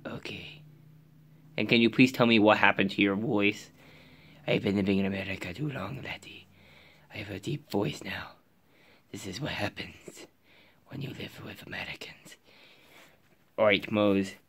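Indoors, on the floor and desk of his bedroom, a young man puppeteers plush toy figures through a made-up skit, frequently whispering. He speaks with a fairly low pitch and a fairly bright tone.

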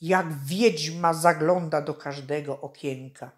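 A woman actress narrating a children's fairy tale deliberately, stressing key words with rises. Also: sits low.

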